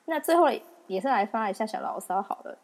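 A woman's voice: fairly high pitch, expressive, quick pace. Chatty young Taiwanese woman podcaster. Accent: Taiwanese Mandarin. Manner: chatty and self-mocking, laughs often. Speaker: podcast host. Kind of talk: casual solo podcast monologue.

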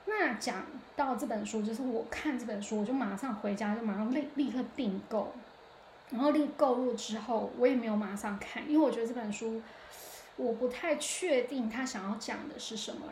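A woman hosts a solo podcast in a relaxed, chatty monologue. Her voice sits a little on the high side, and she thinks aloud with frequent hesitations and restarts. The recording carries a noticeable room echo. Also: a little fast, a little hiss or hum. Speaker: podcast host. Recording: echoey room.

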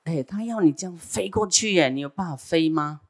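Brief: nervous male animal trainer, done by a woman storyteller, low, fretful questions. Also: a little fast. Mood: worried. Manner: anxious, fretting questions. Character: worried male elephant trainer.

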